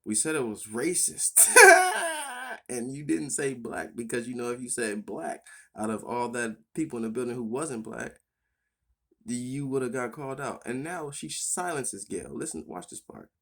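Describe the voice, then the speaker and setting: A man's voice: mid-range voice, sing-song, normal speed, vocal fry, pushed and bright. A man giving casual reaction commentary on an interview clip, blunt and mocking, with some profanity.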